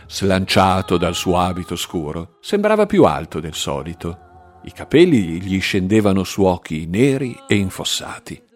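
A man narrating a novel in an expressive, varied reading. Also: low voice. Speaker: audiobook narrator.

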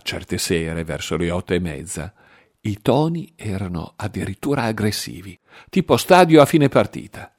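A man narrating a novel in an expressive, varied reading. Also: lowish voice. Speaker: audiobook narrator.

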